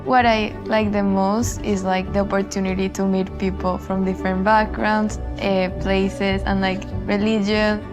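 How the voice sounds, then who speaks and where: A woman from Colombia, a college freshman, speaks in a promotional video interview. Her pitch stays flat and even as she lists her points. Clear background music plays beneath her voice. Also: measured pace, few pauses. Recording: music bed under voice.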